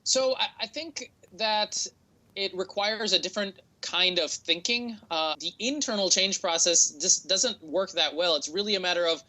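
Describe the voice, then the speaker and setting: Bright-voiced American man, halting interview answers. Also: sits high, poor audio. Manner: hesitant, halting, repeats words while thinking. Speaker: interview guest, tech entrepreneur.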